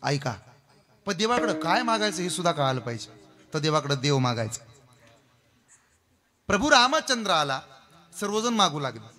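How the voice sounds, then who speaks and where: A man's voice: on the high side, big pitch swings, moderate pace, pauses often, sharp tone. A man preaching a comic devotional kirtan, playfully teasing the crowd and leading call-and-response. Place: stage before a live audience. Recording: long hall reverb, faint music.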